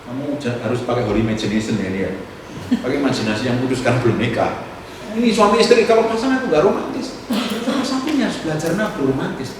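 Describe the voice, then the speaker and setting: A man, a pastor preaching a sermon, swinging from loud exhortation to soft asides. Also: medium pitch, expressive, quick pace. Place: church hall. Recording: echoey church hall, distant mic, noisy room.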